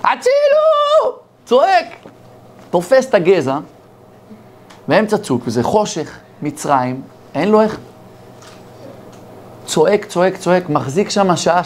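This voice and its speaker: A man's voice: fairly high pitch, a little hiss or hum. A man, a rabbi with an Israeli accent, giving a sermon full of parables and acting out the dialogue in his stories. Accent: Israeli Hebrew. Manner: animated storyteller acting out dialogue.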